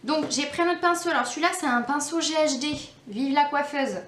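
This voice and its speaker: A woman's voice: high-pitched, a little fast, a bit bright. A woman giving a casual makeup tutorial, chatty and hesitant, with many fillers. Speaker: beauty vlogger. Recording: echoey room, faint background music.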